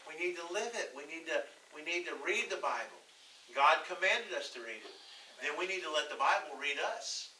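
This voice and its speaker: A Texan man preaching in a church, his voice very bright and sitting a touch high. He reads scripture slowly and draws spoken answers from the people in the pews. The sound is roomy and distant, as though picked up from far off in the sanctuary. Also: lively intonation, slight background noise. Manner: folksy, calls for congregation responses, reads scripture slowly. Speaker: pastor. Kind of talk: sermon.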